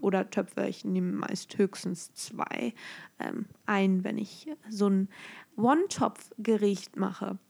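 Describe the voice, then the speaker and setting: A young woman with a slightly high voice tells a story to her viewers. She is chatty and sarcastic and drops into hushed asides now and then. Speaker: vlogger. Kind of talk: casual storytime monologue.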